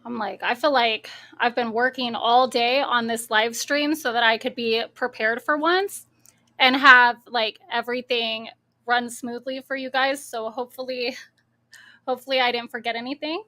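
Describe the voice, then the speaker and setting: A woman's voice: fairly high pitch, steady tone, normal speed, pushed and bright. A young adult woman hosting a casual live stream, chatty and easily amused, greeting viewers by name. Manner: chatty, greets chat names one by one, laughs easily.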